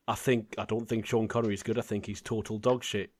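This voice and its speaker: A man's voice: on the low side, little pitch movement, brisk, a little mellow. A man co-hosting a podcast, giving blunt, sweary opinions in casual film chat. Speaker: podcast co-host.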